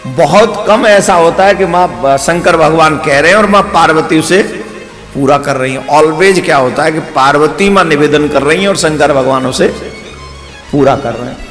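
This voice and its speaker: Male devotional preacher, Braj Hindi accent, slightly high voice; playful storytelling sermon in a long-reverb hall. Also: moderate pace, fairly bright tone, faint music behind. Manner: storytelling with playful asides to the audience. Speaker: spiritual preacher.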